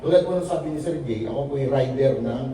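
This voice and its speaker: A man's voice: medium pitch, fast, dark tone, a little hiss or hum. A man from the Philippines giving a joking, storytelling testimony to a seated audience at a business presentation. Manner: joking, storytelling, acts out quoted dialogue. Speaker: invited speaker at a business presentation. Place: large echoey meeting room. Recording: very echoey room, voice from far off.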